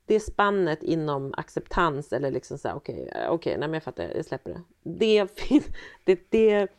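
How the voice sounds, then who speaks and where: Gravelly-voiced woman chatting with many fillers. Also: sits low, sing-song. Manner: rambling, many fillers and restarts. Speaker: podcast co-host, mother. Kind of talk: casual chat. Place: small music room full of guitars. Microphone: video call.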